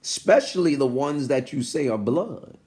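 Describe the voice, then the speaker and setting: A pastor in his forties with a New York accent delivers a live-streamed motivational sermon at normal speed in a medium-pitched voice. Congested and sniffling, he is animated, calling out to listeners and talking to God like a friend.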